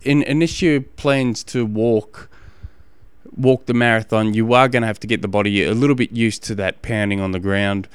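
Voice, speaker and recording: Smooth low-voiced Australian man, halting. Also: steady tone. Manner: halting, repeating phrases as he explains. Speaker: endurance coach and podcast host. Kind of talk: casual advice podcast talk.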